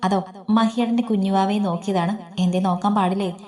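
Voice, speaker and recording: A woman reading as a young college roommate in a spoken story, coaxing and playful in her own natural voice. She is cheerful and teasing, gently talking a homesick friend round. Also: medium pitch, steady tone, a little fast, lightly acted.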